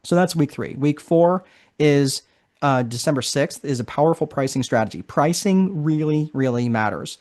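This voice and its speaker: A man's voice: on the high side, expressive, normal speed, darkish tone. Chatty man hosting a live course session. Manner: casual, chatty, keeps adding "right?". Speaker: marketing strategist presenting a course. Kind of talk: live online information session.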